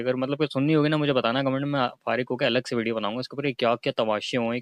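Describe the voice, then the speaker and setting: A young vlogger from Karachi, Pakistan, tells a story to camera in a casual, chatty manner, frequently tagging his lines with a check-in filler. His voice is mid-range and the recording is dry.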